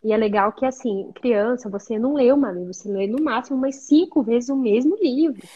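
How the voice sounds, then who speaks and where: Woman, mother, chatty, explanatory, slightly high voice, dull recording. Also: a little fast, mellow, husky. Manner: chatty, explanatory, frequent tag questions. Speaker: guest mother. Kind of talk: casual conversation.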